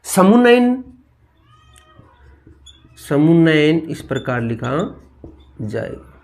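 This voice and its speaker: A man with a somewhat high voice teaches a grammar class. He works through one word after another, asking the class what each word is and then giving the answer. His delivery is steady and methodical, in the manner of a classroom drill. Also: slow, vocal fry. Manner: drills word spellings with repeated questions and answers. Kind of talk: Hindi grammar lesson.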